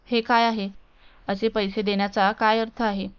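A woman reading the part of a wronged, angry young woman in a storybook tale, accusing and indignant, with a smooth voice on a dull lo-fi recording. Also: mid-range voice, little pitch movement, moderate pace, lightly acted.

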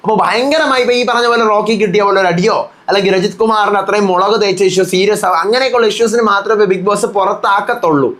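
Animated reality show recap host. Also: medium pitch, racing. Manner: animated, acts out quarrels while retelling. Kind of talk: casual recap vlog.

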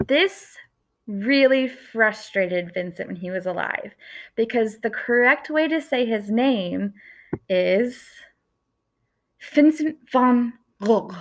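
Speaking to young children in an art lesson, a woman in her thirties uses a medium pitch and a gentle, storytelling style, drawing out important words slowly. She's indoors, close to a webcam.

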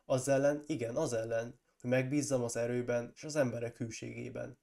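A proud, forceful warrior lord who presses his point and flares into loud accusations, as a hoarse man reads him aloud. The voice is gravelly and mellow, with a rough edge from a cold, in the manner of a storybook reading. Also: medium pitch, level tone, close to an everyday voice. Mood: urging. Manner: insistent, rising to loud accusing outbursts.

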